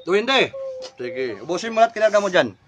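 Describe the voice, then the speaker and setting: A man's voice: high voice, animated, moderate pace, noisy background. A middle-aged man, a folk healer, commanding a spirit during a healing ritual and sharply demanding answers over and over.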